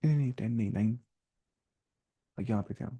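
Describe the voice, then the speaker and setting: A man's voice: medium pitch, mellow, husky, no echo. A man with a Pakistani Urdu accent teaching an Arabic grammar lesson. He reads Arabic phrases, then translates and repeats each one in Urdu.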